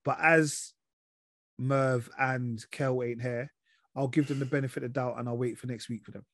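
A man's voice: mid-range voice, fairly even intonation, normal speed, a bit bright, no echo, studio quality. A man with an urban London roadman accent and slangy delivery, hosting a casual chat reviewing TV shows. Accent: London, urban street slang. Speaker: podcast host.

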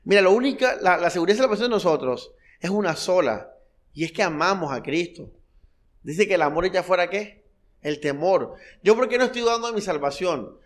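A fervent male pastor preaches in a church hall. His voice sits a touch high for a man, and he keeps firing rhetorical questions and repeated phrases at the congregation, dropping soft and low before rising to loud, high bursts. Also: animated, fairly quick. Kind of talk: sermon.

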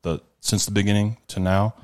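Deep-voiced male DJ, sincere and halting, low register. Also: little pitch movement, clear, resonant tone. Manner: earnest, halting with restarts. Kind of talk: casual interview chat.

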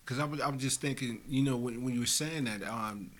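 A man's voice: mid-range voice, fairly quick. A man hosting a podcast, asking loose, rambling questions and laughing along with his guest. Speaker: podcast host. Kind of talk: casual podcast chat.

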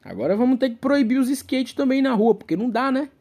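Husky young brazilian guy ranting and cursing, voice jumping all over. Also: extremely high pitch, lively intonation, fairly quick, dark tone. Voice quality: profane, ranting. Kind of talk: comic rant monologue.

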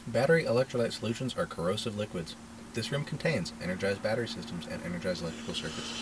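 Low-voiced man telling curious anecdotes. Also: expressive, fast, slight background noise, poor audio. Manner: curious, laughs often, tells anecdotes. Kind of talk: casual profane chat.

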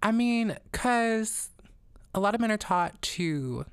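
Animated young woman in podcast chat. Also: mid-range voice, slow, clean tone, no room sound, studio quality. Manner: animated, slangy, laughs often. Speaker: podcast guest.

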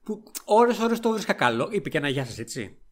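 A man with a Greek accent, co-hosting a podcast and recapping a film in a casual, animated way. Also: high voice. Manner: lively storytelling recap with frequent laughs. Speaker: podcast co-host.

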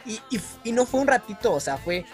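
A young man, telling a story in casual chat, animated, with frequent laughs and restarts. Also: high voice, fairly quick, faint music behind. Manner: animated, laughs often, many fillers and restarts.

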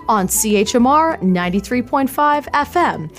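A woman's voice: fairly high pitch, lively intonation, normal speed. A woman reading a scripted radio program promo as announcer. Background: faint music.

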